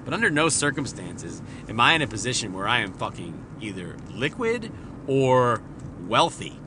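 A man's voice: mid-range voice, very animated, normal speed, background noise. A married man hosting a solo podcast, talking in a casual, profane, rambling and self-deprecating way. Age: adult, married father. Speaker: podcast host.

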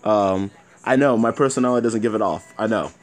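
A man's voice: mid-range voice, rapid-fire. A man who sounds nasal and congested from being sick, hosting a casual chat show with playful, teasing exaggeration. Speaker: show host.

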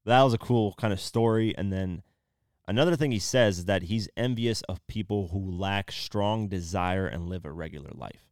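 A man's voice: lowish voice, normal speed, a little mellow, no room sound, clean studio sound. A man co-hosting a casual podcast, retelling a story in loose, rambling talk. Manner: retells stories loosely, many fillers. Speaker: podcast co-host. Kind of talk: casual chat.

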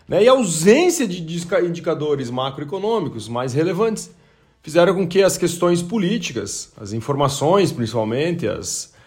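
A man's voice: on the high side, a little mellow. A man from Brazil hosting a daily market analysis show, talking in a conversational way with frequent tag questions and colloquial sayings. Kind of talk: casual market news commentary.

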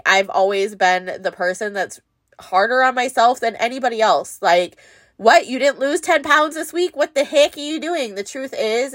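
A woman's voice: fairly high pitch, a bit bright, no room sound. Candid woman vlogger, dry close sound. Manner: candid, self-reflective, rambling with fillers. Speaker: motivational vlogger. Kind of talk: casual heartfelt monologue.

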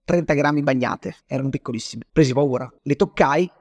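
A young man from Naples, an interview guest, telling a personal story in a rapid, animated way, often correcting himself. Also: mid-range voice, no echo, studio quality. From Naples, Italy.

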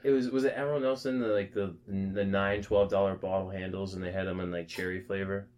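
A man's voice: low voice, little pitch movement, brisk, darkish tone. A young man telling a rowdy party story on a podcast, profane and rambling, with lots of "like" and "man.". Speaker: podcast co-host. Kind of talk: casual storytelling chat.

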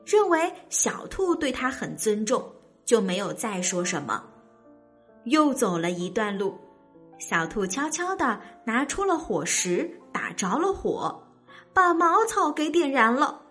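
A woman narrating a children's story, her voice rising and falling with a lot of expression. She reads slowly and clearly in a fairly high voice, with soft music playing behind her. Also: sing-song.

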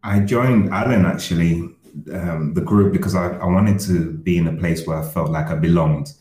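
Deep-voiced man from Uganda, roomy sound. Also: steady tone, normal speed, darkish tone. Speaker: podcast guest. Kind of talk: casual personal discussion.

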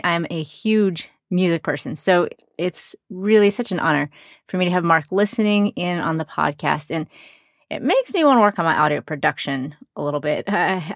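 A woman's voice: fairly low pitch, dry recording, clean studio sound. A woman podcast host speaking conversationally and informally, with effusive praise and self-deprecating jokes. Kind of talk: upbeat conversational podcast introduction and interview.

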